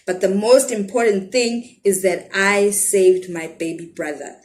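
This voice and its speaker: A woman's voice: mid-range voice, a little slow. A woman reading a children's story aloud expressively, asking the young listeners questions.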